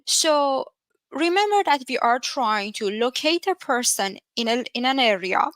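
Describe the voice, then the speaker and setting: Bright-voiced Iranian woman giving a tech talk. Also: a little high, lively intonation, no room sound. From Iran. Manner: earnest, measured, with frequent fillers. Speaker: conference speaker, research scientist. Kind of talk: technical talk. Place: home, via video call.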